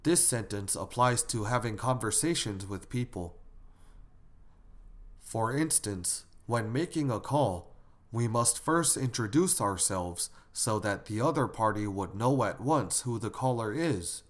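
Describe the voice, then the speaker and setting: A man giving a didactic lecture on etiquette in a measured, instructive way, often asking his listeners questions. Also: on the low side, expressive. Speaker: lecturer on moral teaching.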